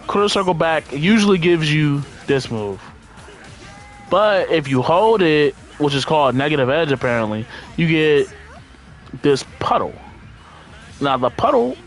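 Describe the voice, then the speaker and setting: A game streamer with a higher-pitched voice gives casual commentary as he plays, laid-back, slangy and profane. He rambles and thinks out loud throughout.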